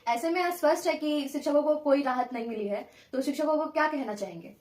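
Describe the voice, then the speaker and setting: High, quick woman interviewer. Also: a little mellow, reverberant. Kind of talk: news interview questions.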